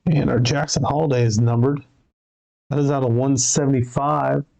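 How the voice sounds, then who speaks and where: A man's voice: medium pitch, fairly even intonation, moderate pace, vocal fry, a little mellow, a little hiss or hum, low-quality recording. A man hosting a sports card break, reading out player names and serial numbers and correcting himself as he goes. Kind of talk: live card break commentary.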